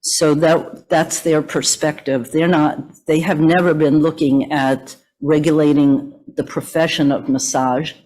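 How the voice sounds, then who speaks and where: Woman, massage therapist, prepared remarks, measured, trembling voice, cold, slide presentation, hotel meeting room. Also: low voice, fairly even intonation, darkish tone, rough recording. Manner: measured, asks for the next slide often. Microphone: meeting audio from a hotel room.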